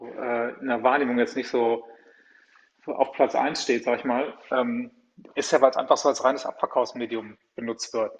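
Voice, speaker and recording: A man in a casual podcast chat explaining radio advertising in a relaxed way. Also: mid-range voice, a little hiss or hum, rough recording. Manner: relaxed, addresses listener as du.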